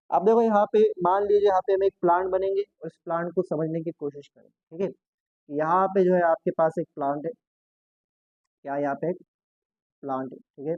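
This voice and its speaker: A man's voice: high-pitched, dry recording, phone-quality sound. A man teaching a biology lesson for exam prep, asking questions and answering them himself, repeating key terms and mixing Hindi with English science words.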